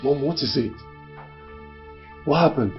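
A man's voice: medium pitch, expressive, unhurried, close to an everyday voice. A man playing an insistent grown son questioning his mother. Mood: urgent. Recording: dull film audio with music.

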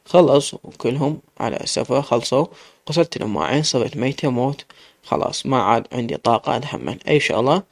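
A man with an Iraqi accent narrating a story in the first person, in a plain, steady telling. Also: mid-range voice, fast talker, vocal fry, no room sound. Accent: Iraqi Arabic.

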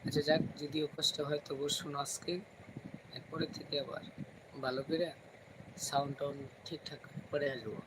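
Live-stream host, male, talks low and chatty to viewers, noisy home mic. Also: fairly even intonation, normal speed. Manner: talks softly, kids asleep nearby; chatty, addresses viewers by name. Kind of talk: casual live-stream chat. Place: home at night. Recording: noisy home recording, fan hum.

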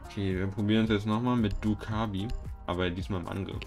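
Excitable young man gaming, music behind. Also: on the low side, quick pace. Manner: excitable, swearing, self-mocking. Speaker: gaming YouTuber. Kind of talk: casual gameplay commentary. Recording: game music and gunfire behind. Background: game music and gunfire.

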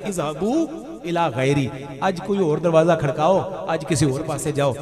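Punjabi-accented man chanting devotional verse in an echoey hall. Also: high voice. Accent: Pakistani Punjabi. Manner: chants verses repeatedly, calls on the audience to respond. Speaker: naat reciter at a religious gathering. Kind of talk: devotional recitation of Punjabi verse with sermon asides. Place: religious gathering, large space. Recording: echoey live hall recording.

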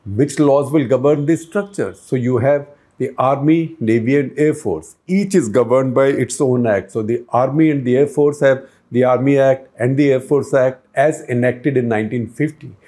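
An older man hosts a news explainer, speaking conversationally to camera and putting questions to the viewer, recorded on a lapel mic in an office lined with books. His medium-pitched voice is warm, at normal speed, with hardly any pauses.

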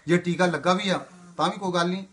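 An older man from Indian Punjab delivering rapid-fire rhyming comic patter, chanting long rhythmic lists in a sing-song. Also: high-pitched, steady tone, fairly bright tone, slight background noise. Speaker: comic monologue performer.

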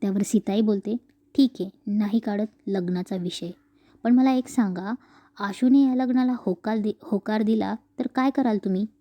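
A woman casually retelling a TV serial episode, switching quickly between narration and the characters' lines. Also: medium pitch, dark tone, no room sound.

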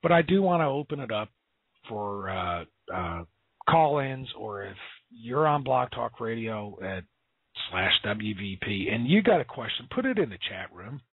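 A man hosting a call-in radio talk show, emphatic and excitable, losing his voice and sounding hoarse. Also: fairly low pitch, a little slow, no room sound. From US Gulf coast. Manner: excited, emphatic, with many fillers. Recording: dry tinny phone-like line.

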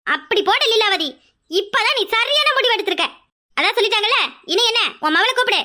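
A woman's voice: very high voice, animated, brisk, pushed and bright, full character voice. A woman voicing a scheming, meddling older sister-in-law with a sneering, suspicious way of talking and a Kanyakumari Tamil accent.

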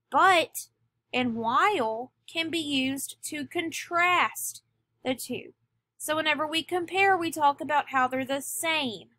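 A woman teacher giving a recorded lesson, speaking deliberately and stressing key words. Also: high-pitched, sharp tone, no echo. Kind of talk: recorded classroom lecture.

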